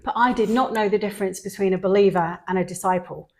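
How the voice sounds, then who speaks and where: A woman's voice: mid-range voice, fast. A middle-aged woman from England with a mixed London and Sheffield accent, telling her story as a podcast host in casual chat. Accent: mixed London and Sheffield English. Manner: chatty storyteller, lively quoted voices.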